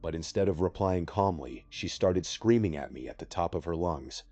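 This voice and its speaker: A man giving a steady, measured first-person telling of a scripted horror story. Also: sits low, no echo. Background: faint music.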